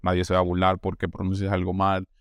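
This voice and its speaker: This is a Colombian man, a newcomer being interviewed casually, and he talks at length in a low, monotone voice at a quick clip. He often restarts words and acts out other people's voices when quoting them. The recording is dry and studio quality.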